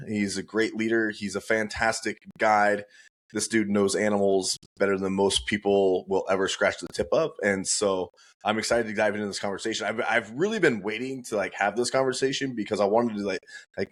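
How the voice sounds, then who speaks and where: A man hosting a podcast, opening with an upbeat scripted intro and then chatting casually with his guest. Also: lowish voice. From US West Coast. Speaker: podcast host. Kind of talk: podcast interview.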